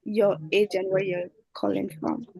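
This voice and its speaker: A woman's voice: medium pitch, big pitch swings, unhurried, gravelly, dark tone, husky, low-quality recording. A woman hosting an online dating show over a video call, speaking hesitantly with many fillers. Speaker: host.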